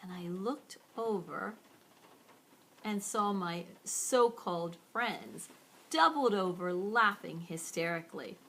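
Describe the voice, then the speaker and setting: A woman's voice: lowish voice, expressive, slow, fairly bright tone. A woman telling a first-person story in a wry, playful, self-mocking way.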